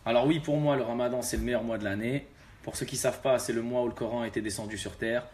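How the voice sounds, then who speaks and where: A man's voice: mid-range voice, fairly even intonation, fast, a little mellow. A young man from Algeria, a rapper, talking casually to his fans with laid-back street slang.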